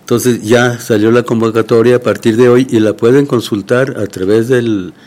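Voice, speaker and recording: A man's voice: medium pitch, steady tone, normal speed, darkish tone. A man, hosting a casual radio chat and often chiming in with short agreements. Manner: brief agreeing interjections.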